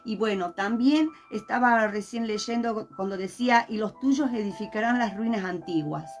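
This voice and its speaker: A woman's voice: medium pitch, moderate pace, faint music behind. Hesitant female program host. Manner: hesitant, with fillers. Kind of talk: conversational hosting.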